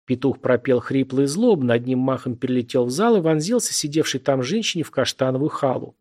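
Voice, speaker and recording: A man narrating a novel as an audiobook in an expressive, vivid reading. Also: medium pitch, fairly quick.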